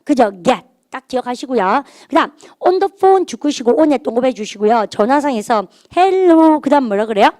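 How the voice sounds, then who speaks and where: A woman's voice: fairly high pitch, lively intonation, a little fast, hardly any pauses, darkish tone, no echo. A middle-aged woman teacher, giving a recorded grammar lecture and drilling her students with call-and-response prompts. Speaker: English teacher.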